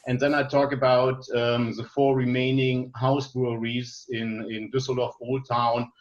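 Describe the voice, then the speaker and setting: A man's voice: medium pitch, level tone, a little slow, highs cut off. German-accented man presenting over video call. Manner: friendly, hesitant, many fillers and restarts. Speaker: guest presenter.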